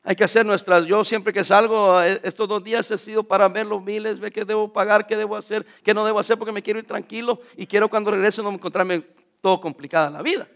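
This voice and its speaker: A man's voice: high-pitched, fairly even intonation, quick pace, fairly bright tone. A middle-aged man preaching a sermon as a pastor, jovial and joking with the congregation.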